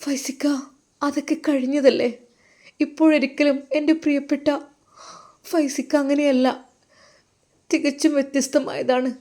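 A woman voicing a shy young woman who speaks in a hushed, trembling voice. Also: sits high, flat delivery, measured pace, long pauses. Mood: tearful.

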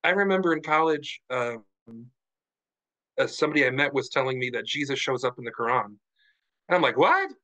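A man's voice: mid-range voice, moderate pace, long pauses, poor audio. A man speaking frankly and animatedly in a casual book club discussion over a video call. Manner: animated, frank, lots of fillers.

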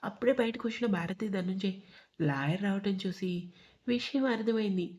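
A woman narrates a romantic audio story in a calm, steady way. Her voice is mellow and warm-toned rather than bright. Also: mid-range voice, normal speed.

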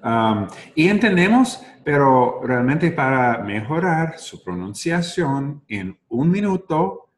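A man teaching pronunciation to Spanish speakers, speaking slowly and repeating words for listeners to echo. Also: medium pitch, sing-song, slight background noise. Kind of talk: bilingual pronunciation lesson. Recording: roomy echo.

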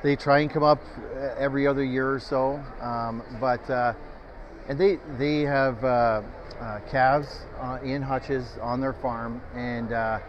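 A man in sales, answering interview questions in a halting way with many fillers, on a lapel mic in an open tent at an outdoor expo. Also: medium pitch, steady tone. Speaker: sales guest. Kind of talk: casual trade-show interview. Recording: slightly dull, noisy outdoor expo.

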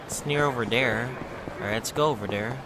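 A man's voice: mid-range voice, brisk, background noise. A man giving casual gameplay commentary, muttering and thinking aloud as he streams. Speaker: game streamer. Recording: loud game audio behind voice.

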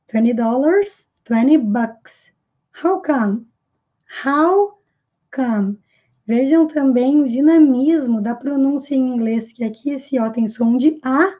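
Woman, Brazilian Portuguese accent, English teacher, high pitch, didactic, repeats phrases slowly, slightly muffled audio. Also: dark tone. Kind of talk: language lesson.

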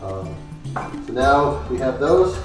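A man in his thirties casually explaining his woodworking build in a home garage workshop, halting with many ums and uhs. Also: medium pitch, sing-song. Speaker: woodworking vlogger. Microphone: far camera. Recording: echoey garage, voice from far off, music behind.

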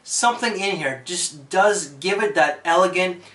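A man's voice: high-pitched, measured pace, pushed and bright, reverberant. A man casually reviewing fragrances for his channel, chatty and enthusiastic, with frequent fillers.

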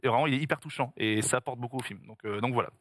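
A man's voice: mid-range voice, very fast, dry recording, studio quality. A man hosting a casual chat, telling an anecdote with lots of laughter and animation. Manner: animated storyteller, laughs often. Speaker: podcast host.

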